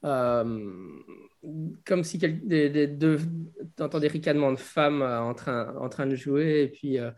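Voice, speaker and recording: A man's voice: medium pitch, a little slow, a little mellow. A man improvising narration as game master of a tabletop game, hesitantly searching for his words.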